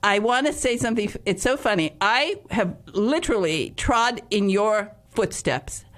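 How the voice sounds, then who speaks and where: A woman hosts a casual radio interview, chatting away and breaking into laughter as she rambles. Her voice sits at an ordinary middle pitch. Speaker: radio host.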